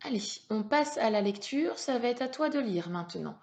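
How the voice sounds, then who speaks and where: A woman teacher leading a reading lesson for young children, slow and patient, sounding out syllables. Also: fairly high pitch, expressive, gravelly, a little mellow. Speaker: primary school teacher.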